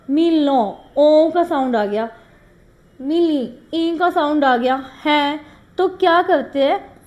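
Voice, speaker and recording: High voice lady teaching shorthand, slow step by step explaining. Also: a little mellow. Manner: explains step by step, mixing English terms into Hindi. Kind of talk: classroom lesson.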